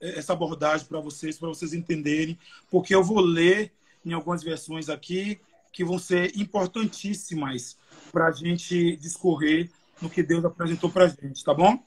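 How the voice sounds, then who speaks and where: A man's voice: on the high side, fairly even intonation, moderate pace, breathy edge. A man with a Brazilian Portuguese accent preaching a sermon at a youth church service, emotional and conversational, with many fillers. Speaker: evangelist preacher. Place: church service streamed live.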